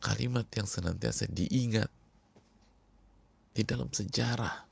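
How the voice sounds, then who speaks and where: A man preaching a sermon to a congregation, speaking emphatically and repeating key words, often dropping to hushed tones. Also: fairly low pitch, measured pace, vocal fry, husky. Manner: addresses the congregation directly. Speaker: Islamic preacher.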